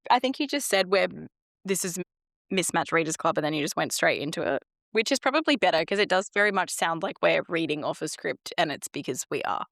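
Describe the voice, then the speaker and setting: A woman's voice: lowish voice, animated, a little fast, a bit bright, dry recording, clean studio sound. A woman co-hosting a podcast, chatting casually about books in an informal, rambling way and often quoting herself. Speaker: podcast co-host.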